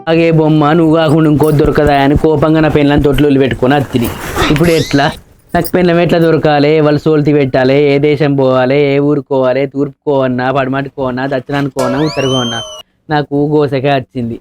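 A man's voice: a little high, level tone, quick pace, music in the background. A man acting a village husband in a comedy short film, grumbling to himself in long monologues. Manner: rustic, complaining monologues to himself. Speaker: actor playing a village husband.

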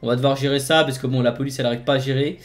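A man hosting a gaming video, giving playful commentary and jokingly barking commands as a team leader, excitable and joking. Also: medium pitch, racing, soft background music. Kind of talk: playful game commentary with role-play commands.

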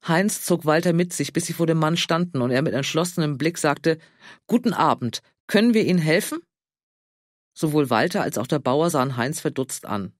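A man reading an audiobook in a measured, even narration. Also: a little high, dry recording, studio quality. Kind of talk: scripted narration.

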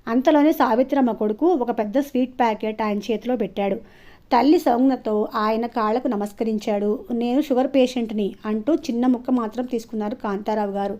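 A woman storyteller giving a steady, expressive scripted narration of a story. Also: fairly high pitch, quick pace. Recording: dull lo-fi audio.

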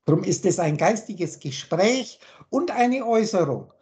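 A man's voice: sits high, expressive, measured pace, a little mellow. Insistent man lecturing on a video call. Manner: insistent, repeats points and asks rhetorical questions. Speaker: spiritual teacher. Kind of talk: philosophical monologue on a call.

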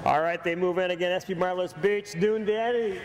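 High-voiced folksy harness race announcer. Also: male voice, fairly even intonation, fairly quick. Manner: folksy, joking asides to the crowd. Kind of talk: live harness race commentary. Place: outdoor county fair racetrack. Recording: echoey PA sound from far off, outdoor noise.

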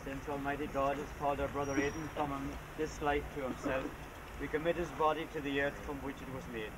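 Solemn priest praying at an outdoor graveside. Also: male voice, medium pitch, level tone. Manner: measured, formal liturgical delivery. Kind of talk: solemn funeral prayers read at a graveside. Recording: noisy, windy outdoor camcorder recording.

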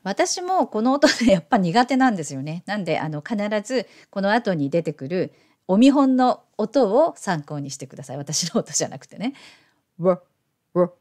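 Brief: female English teacher, playful coaxing pronunciation lesson, lively intonation. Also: normal speed. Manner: animated, lively pitch.

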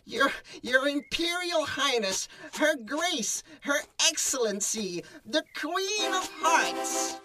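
A man's voice: very high-pitched, very animated, slow pace, hardly any pauses, full character voice. A male actor playing a nervous, fussy rabbit herald, stammering and deferential, in a radio drama. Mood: announcing.

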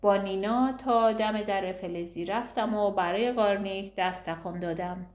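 A woman's voice: mid-range voice, a little mellow. Woman reading a novel aloud, roomy echo. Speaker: audiobook narrator.

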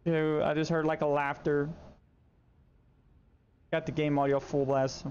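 Excitable guy streaming a horror game, kinda high voice, slangy, talks back to the ghost, dull lo-fi mic. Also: measured pace, smooth. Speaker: gaming streamer. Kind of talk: live gameplay commentary. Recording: dull lo-fi stream audio with faint noise.

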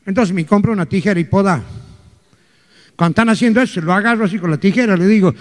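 A man voicing a cheeky, mischievous old grandmother in a slow, drawling voice during a live stand-up set. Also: high voice, pitched below the performer's own voice, close to an everyday voice. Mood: scheming. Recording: live stage with long hall reverb.

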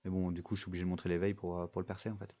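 A man's voice: deep voice, little pitch movement, very fast, mellow, dull audio. A young man giving casual, rambling commentary over a mobile game, full of fillers and restarts. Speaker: gaming video creator.

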